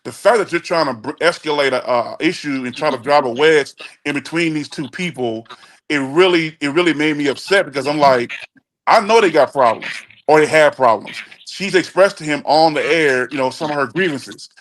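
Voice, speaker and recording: A Chicago man in his forties calls in to a talk show as a guest, giving blunt, emphatic opinions in casual chat and frequently restarting sentences. His voice is a little high and fairly bright, delivered at a moderate pace. The audio quality is poor.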